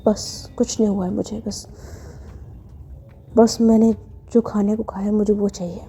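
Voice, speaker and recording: A woman's voice: medium pitch, little pitch movement, a little slow, warm tone, breathy edge. A woman voicing a teasing, stubborn young woman who coaxes and insists in a cheeky, playful way, in a read-aloud story.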